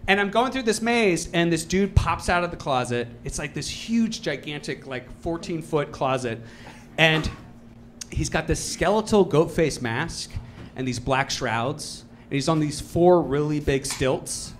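A young man from Virginia performing a loud, animated stand-up set on a club stage. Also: a little high, a little slow, a little hiss or hum. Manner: loud, animated storytelling with laughs. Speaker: stand-up comedian.

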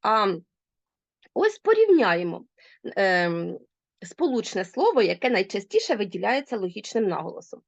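A woman's voice: mid-range voice, very animated, normal speed, creaky, dry recording. A woman teacher with a Ukrainian accent explaining grammar to a class, stressing her example words emphatically. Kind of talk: school grammar lesson. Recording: dull, lo-fi dry sound.

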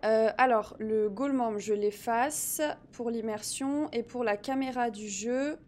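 A woman streaming live, chatting excitedly with her viewers while fixing her setup. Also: a little high, slow pace, a little hiss or hum. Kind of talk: live gaming stream chat.

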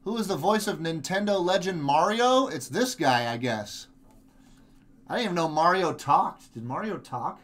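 A man hosting a live card break, reading player names in quick lists with chatty asides. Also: a little high, animated, fairly bright tone. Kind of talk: live group break commentary.

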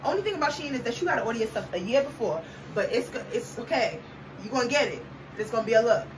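A woman's voice: fairly high pitch, expressive, fast talker. A young woman vlogging a clothing try-on haul, sassy and playful, hyping each outfit. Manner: sassy, playful, sings snippets and hypes outfits. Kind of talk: casual try-on haul chat. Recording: distant mic with audible background noise.

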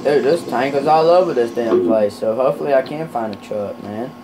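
Background noise accompanies a man of medium pitch who talks briskly as he and a friend play a trucking game. The chat is casual and rowdy, full of swearing and loud, excited outbursts.

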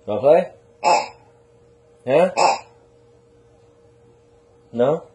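A man's voice: fairly high pitch, lively intonation, extremely slow, warm tone, breathy edge. A young man vlogging casually at home, rambling and teasing his dog in a self-mocking way. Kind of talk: casual vlog chat to camera and to his dog. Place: at home, indoors.

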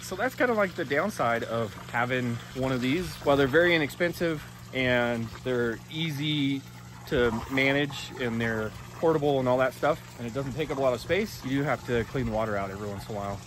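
A man's voice: mid-range voice, fairly quick, fairly bright tone, slight background noise. A man in his forties, a father hosting a casual home vlog outdoors on a patio.

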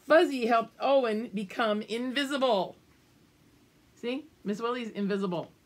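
Indoors in a small room at home, an older woman with a slightly high voice reads a children's picture book aloud at a measured pace. She stresses words with exaggerated emphasis and chats warmly to the young children listening.

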